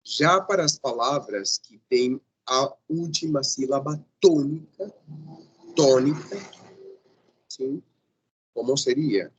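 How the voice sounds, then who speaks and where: Male teacher, unhurried, slightly husky; patient explainer who keeps checking in with the class. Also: medium pitch, fairly bright tone, muffled recording. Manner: patient, checks in often with a questioning "sim?". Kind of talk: grammar lesson.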